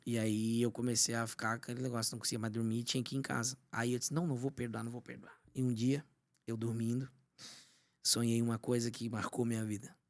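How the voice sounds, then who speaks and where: A pastor tells his life story as a podcast guest. His voice is mid-pitched, and his emotional testimony keeps sinking to a near-whisper at the tender moments. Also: flat delivery, fast talker. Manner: storytelling, often drops to a hushed voice.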